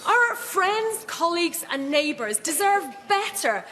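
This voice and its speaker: Stern, very high-pitched woman in parliament. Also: very animated, bright, forceful tone. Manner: stern, deliberate. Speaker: member of parliament. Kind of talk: parliamentary debate speech. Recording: reverberant chamber with crowd murmur.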